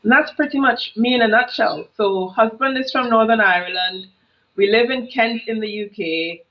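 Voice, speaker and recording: A Trinidadian business coach in her thirties chats casually in an interview, telling stories and laughing often. She speaks at a moderate pace with a voice on the high side, recorded lo-fi through an earphone headset on a video call from a home office with a brick wall.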